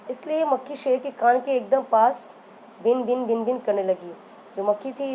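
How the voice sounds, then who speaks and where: Woman, teacher, children's story lesson, repetitive, quizzing, mellow, slightly high. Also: slight background noise, poor audio. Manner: repeats and quizzes the listeners.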